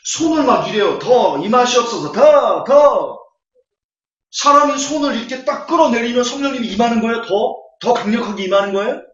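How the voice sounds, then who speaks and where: A man's voice: extremely high pitch, quick pace, hardly any pauses, fairly bright tone. A man preaching a Bible lecture, scornful and full of rhetorical questions. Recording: echoey hall, distant, dull audio.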